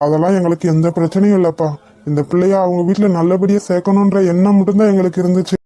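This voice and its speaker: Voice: medium pitch, little pitch movement, fast, warm tone, natural voice. A voice actor doing a humble, kindly husband. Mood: reassuring. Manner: modest, reassuring. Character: humble, good-hearted husband, modest and kindly. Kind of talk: cartoon voice acting.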